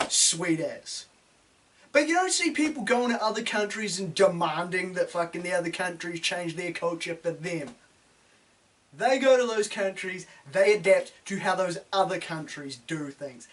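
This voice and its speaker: Kiwi bloke w a broad nz accent, highish voice, slangy sweary opinion rant, sounds a fair way off the mic. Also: male voice, distant mic, rough recording. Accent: broad New Zealand. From New Zealand. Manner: sweary, blunt, sardonic, slangy. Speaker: opinion video host.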